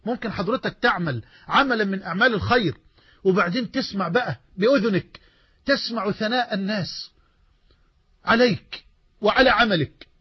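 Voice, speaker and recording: Husky high-voiced Egyptian preacher. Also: male voice, moderate pace, pauses often, no echo, highs cut off. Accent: Egyptian Arabic. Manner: fervent, swings between soft pleading and loud emphasis. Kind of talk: sermon.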